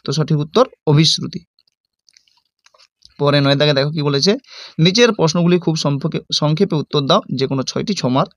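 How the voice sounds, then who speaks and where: Quick-talking Bengali man teaching a lesson. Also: a little high, no room sound, studio quality. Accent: Bengali (West Bengal). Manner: reads questions then explains answers, addressing students. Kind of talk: exam-prep lesson.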